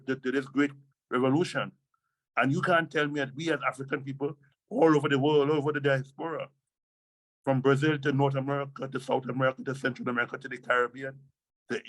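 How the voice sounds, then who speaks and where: A man's voice: mid-range voice, fairly bright tone, no room sound, low-quality recording. An older man speaking as a Rastafari elder, reasoning in Rasta speech with an emphatic, repetitive, oratorical delivery. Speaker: Rastafari elder being interviewed.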